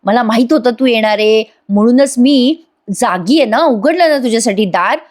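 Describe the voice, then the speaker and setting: A woman's voice: fairly high pitch, moderate pace, lightly acted. A woman voicing a panicked young woman who stammers and pleads in a frantic rush.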